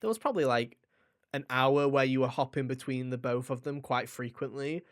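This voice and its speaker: Speaking at normal speed in a mid-range voice, this podcast co-host talks video game reviews in a rambling, jokey, casual chat. The sound is clean studio audio with no echo.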